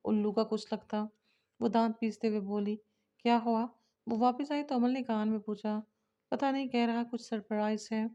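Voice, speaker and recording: A woman's voice: fairly high pitch, dark tone, highs cut off. A woman reading a romance novel aloud, voicing all the characters' dialogue in a lightly shifted voice. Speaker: narrator.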